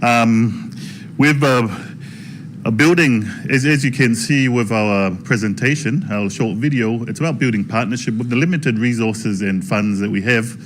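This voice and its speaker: A man addresses a gathering as its presenter. His voice sits at a medium pitch, and his delivery is informal and halting, doubling back on phrases. The live conference room recording carries some faint noise. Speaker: tourism authority presenter introducing speakers. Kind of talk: informal public address at a launch event.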